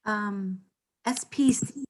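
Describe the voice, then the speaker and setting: A woman's voice: medium pitch, slow pace, darkish tone. A woman council member chatting casually on a video call and making wry, matter-of-fact remarks. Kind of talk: casual meeting chat.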